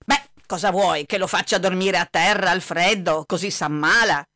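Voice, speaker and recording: A woman's voice: on the low side, normal speed, sharp tone, dry recording, clean studio sound. A woman voicing a fussy, doting old grandmother in a comic radio play, scolding and coddling. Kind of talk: comic radio-drama acting.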